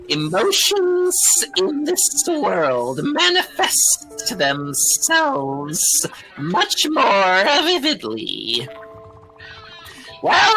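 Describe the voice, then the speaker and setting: A man voicing a gentle, theatrical snake woman who loves gardens, reading game dialogue aloud in a put-on snake voice. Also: very high voice, heavily acted, low-quality recording. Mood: delighted, theatrical.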